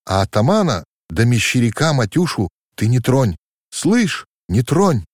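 A man voicing an earnest, proud orphaned young prince who speaks gently but firmly in a storybook reading. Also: medium pitch, sing-song, unhurried, no echo, clean studio sound, pitched above the performer's own voice. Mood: stern. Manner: earnest, gentle yet firm.

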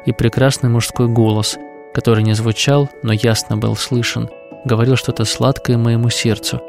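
A man reading a literary passage aloud in an even, solemn manner. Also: medium pitch, vocal fry. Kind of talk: read-aloud literary quotation.

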